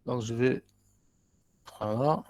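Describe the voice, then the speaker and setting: A man's voice: medium pitch, steady tone, takes it slowly, a little mellow. A middle-aged man with an Algerian accent, teaching a university class in a lecture, going through exercises step by step and repeating his terms. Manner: explains step by step, repeats terms, mixes in short asides.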